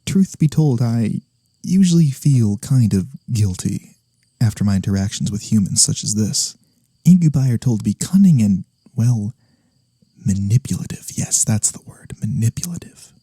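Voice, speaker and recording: A man voices a kind, polite incubus demon in a quiet ASMR fantasy roleplay, sounding a bit hesitant and confiding. His lowish, breathy voice is animated, moves at normal speed, and occasionally drops to a whisper, all in a dry recording.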